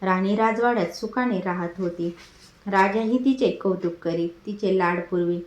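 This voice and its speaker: Brief: woman storyteller, measured devotional folk tale reading, mid pitch, roomy echo.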